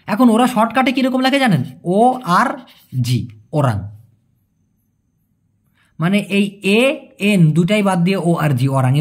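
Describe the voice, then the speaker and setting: A Malay language teacher, giving a casual video lesson and explaining words through everyday examples. The teacher asks rhetorical questions and answers them, repeating words for emphasis. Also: mid-range voice.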